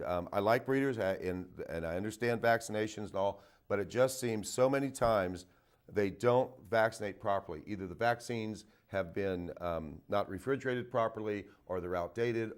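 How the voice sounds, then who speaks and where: A man hosting a call-in show as a veterinarian, giving casual advice with lots of fillers and "okay?" check-ins. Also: lowish voice. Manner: folksy, repeats himself, frequent "okay?" and "uh". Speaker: veterinarian radio host taking calls. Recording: phone-in radio.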